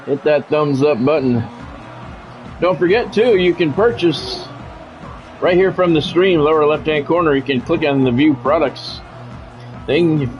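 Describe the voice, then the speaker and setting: Over music, a livestreaming sports commentator alternates crisp announcer play calls with easygoing banter for his viewers. He's fairly high-pitched and a little slow, leaving long pauses, on a muffled recording.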